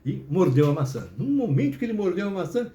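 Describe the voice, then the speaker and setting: A man telling a comic story in a chatty, animated way. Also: sits high, fast. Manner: animated, chatty, many tag questions. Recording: roomy echo.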